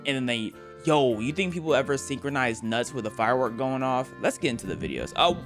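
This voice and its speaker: Late at night, a tired young man rambles and jokes with his live-stream chat, often repeating and restarting his words. His mid-range voice has lively intonation and moves a little fast, with music playing underneath.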